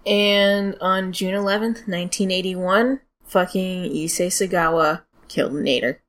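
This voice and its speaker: A woman's voice: on the low side, steady tone, a little slow, fairly bright tone. Blunt American woman telling true crime. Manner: blunt, sweary, informal. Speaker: podcast host. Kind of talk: casual true-crime storytelling.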